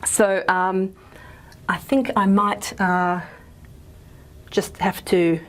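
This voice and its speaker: A phonetics lecturer, a woman, gives a relaxed recorded lecture on speech sounds, her loose, conversational talk dotted with ums and "okay?" checks. She sounds out example consonants while working at the board. Her voice is medium-pitched and extremely slow, with slight background noise.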